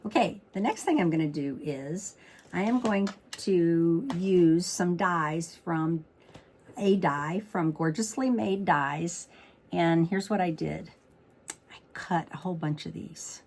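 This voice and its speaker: Slow and a little mellow, a woman with a fairly low, slightly froggy voice talks her way through a chatty card-making demonstration. She chats informally and thinks aloud as she works, with slight background noise present.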